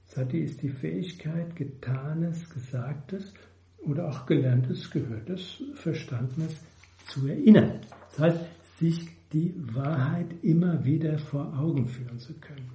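A man giving a measured, explanatory Buddhist dharma talk. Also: fairly high pitch, dark tone, roomy sound. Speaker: Buddhist teacher.

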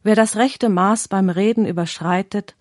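A woman reading the lines of a wise court advisor in a parable, measured and instructive. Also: mid-range voice, darkish tone, no room sound, studio quality, natural voice. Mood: admonishing. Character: wise calm royal advisor, future Buddha.

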